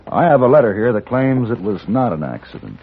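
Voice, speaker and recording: An actor playing a cool, self-assured American hired gun in an old radio western, speaking formally and with measure. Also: male voice, mid-range voice, very animated, fairly quick, husky. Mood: cool, firm. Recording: dull old radio recording.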